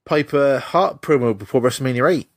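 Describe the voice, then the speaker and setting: A man's voice: medium pitch, brisk, a little hiss or hum. A man chatting casually about wrestling as a podcast panellist.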